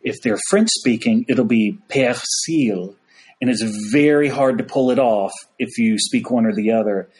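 A man's voice: medium pitch, fairly even intonation, moderate pace, few pauses, darkish tone. A man, a priest as podcast guest, telling a story in a casual folksy way. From United States. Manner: folksy storyteller, frequent "y'all".

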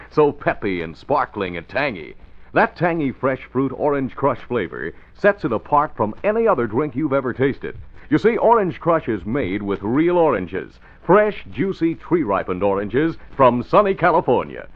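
A man announcer delivering a chipper, emphatic, folksy 1950s radio commercial. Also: mid-range voice. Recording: dull vintage radio recording.

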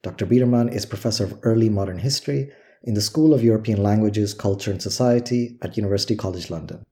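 A man co-hosting an academic podcast, asking questions in a soft-spoken, hesitant way. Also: on the low side, fast talker. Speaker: podcast co-host. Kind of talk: academic interview.

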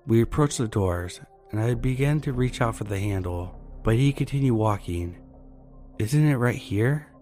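Low-voiced man narrating horror stories. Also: animated, normal speed, few pauses, dark tone. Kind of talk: reading submitted true scary stories. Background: faint background music.

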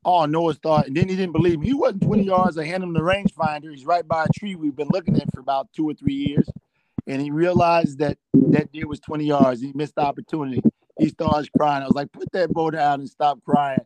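A man's voice: on the high side, steady tone, a little fast, a little mellow, no room sound, low-quality recording. A middle-aged man telling rambling hunting anecdotes as a guest, often repeating "I said.". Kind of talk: storytelling anecdotes.

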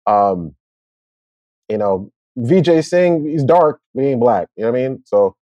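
A man co-hosting a podcast in casual chat, talking in a relaxed, thoughtful way. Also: mid-range voice, unhurried, dry recording. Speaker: podcast co-host.

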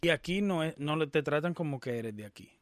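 A man's voice: a little high, expressive, brisk, no echo. A man giving casual commentary on an interview clip, emphatic and opinionated, stopping to explain and argue his point.

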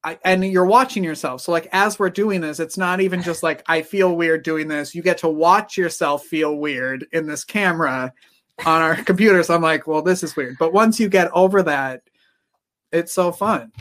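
A man's voice: fairly high pitch, normal speed, fairly bright tone. A man hosting a podcast in casual chat, rambling and cutting himself off mid-thought. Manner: rambling, self-interrupting. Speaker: podcast host.

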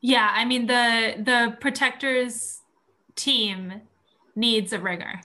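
A woman's voice: on the high side, fairly even intonation, slow pace, sharp tone. A woman co-hosting a podcast in a casual chat about a TV show, making wry, joking remarks. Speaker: podcast co-host.

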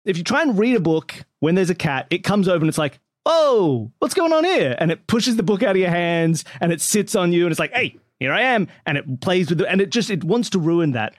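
A man on a comedy panel game, telling rambling, animated stories. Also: high-pitched, fast talker, hardly any pauses, no echo, studio quality. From Australia.

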